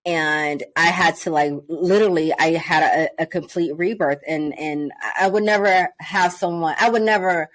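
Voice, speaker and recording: Woman interview host, fairly low voice, casual chat, rambling questions. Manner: rambling questions, laughs easily.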